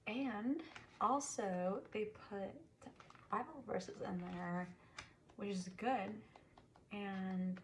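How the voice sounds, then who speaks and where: A young woman in a soft-spoken, ASMR role-play as a librarian, murmuring to herself in a small bedroom. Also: medium pitch, drawn-out words, pauses often. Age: young adult. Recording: noisy, with clicking and tapping.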